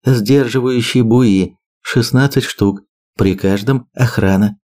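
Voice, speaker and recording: A man raises his voice into an earnest islander who lays out facts carefully, as in a storybook. The voice sits higher than the narrator's own and has a mellow tone. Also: slow pace, natural voice. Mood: explaining. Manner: careful, informative. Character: earnest male islander explaining a map.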